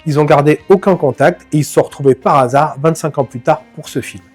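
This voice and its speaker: A man hosting a film analysis video, talking casually and speaking straight to the viewer with lively slang. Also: on the high side, fairly quick, slightly rough, soft background music. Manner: familiar, addresses the viewer directly, lively slang. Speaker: film channel host.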